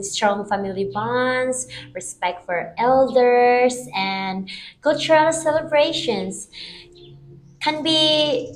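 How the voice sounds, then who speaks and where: A young woman in her twenties with a Filipino accent, giving halting interview answers full of fillers. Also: a little high, slight background noise, rough recording. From Philippines. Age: 20s. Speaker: interviewee, pageant contestant.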